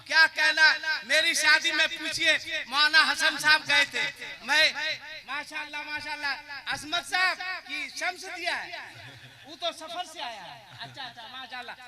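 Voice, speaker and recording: Male preacher, very high voice, storytelling sermon that rises into shouts over a murmuring crowd. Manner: swings from soft joking storytelling to loud impassioned shouting. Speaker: Islamic preacher. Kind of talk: sermon at a religious gathering. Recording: live gathering with crowd noise.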